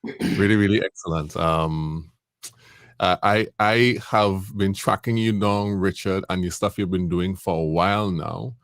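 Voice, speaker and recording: A man with a low-pitched voice speaks unhurriedly, with no room sound audible. He's the host of a live-stream interview, eager and chatty, frequently repeating words as he talks, recorded through a video call microphone.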